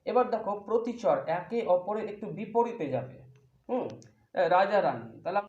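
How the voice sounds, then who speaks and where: A man's voice: high-pitched, big pitch swings, normal speed, a little mellow. A man teaching a grammar lesson, patiently explaining each point step by step with examples. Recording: echoey room, dull lo-fi sound.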